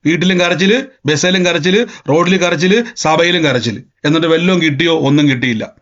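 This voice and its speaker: A man's voice: fairly high pitch, fairly quick, fairly bright tone. A man preaching a sermon emphatically, repeating phrases and acting out scenes. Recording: dull lo-fi sound.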